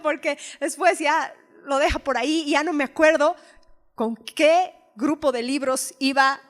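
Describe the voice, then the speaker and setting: Woman preaching in a reverberant hall. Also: a little high. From Bolivia. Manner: personal, asks the audience rhetorical questions. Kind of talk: conversational sermon.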